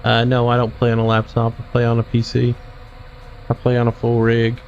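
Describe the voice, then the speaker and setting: Man, live-stream chat, relaxed drawl, dull lo-fi audio, faint engine hum. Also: medium pitch, fairly quick. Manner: relaxed, answers chat questions, drawling asides. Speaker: game streamer.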